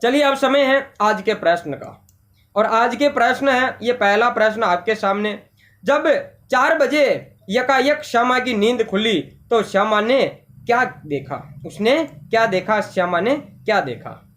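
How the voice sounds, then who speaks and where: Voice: medium pitch, animated, measured pace, fairly bright tone. A patient teacher walks students through a story line by line. The teacher rephrases hard words and repeats key points. Rhetorical questions keep the explanation moving. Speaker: Hindi teacher. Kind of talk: explaining a textbook story to a class.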